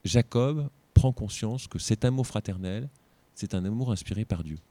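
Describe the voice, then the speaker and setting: A man's voice: on the low side, moderate pace, warm tone, no echo. A tired man teaching an informal Bible lesson, reading scripture aloud and breaking off for joking asides.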